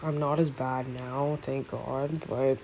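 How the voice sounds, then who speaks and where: A woman speaks at an extremely low pitch, slow and steady, with a darkish, nasal, congested tone from a cold, sitting at the very bottom of her range. As a music vlogger, she rambles through casual, unedited tier list commentary, full of fillers and asides. Her phone records her with a faint hum of room noise in the background.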